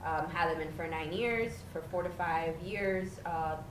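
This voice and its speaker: A woman in her thirties, guesting on a podcast, tells stories candidly and matter-of-factly in a casual chat. Her voice is fairly low and measured in pace. The room is echoey, with noticeable background noise.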